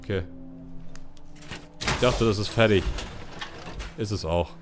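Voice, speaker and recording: A man's voice: fairly low pitch, takes it slowly, over music. A man from Germany giving casual gameplay commentary as a let's play host, chatting to himself and his game companion.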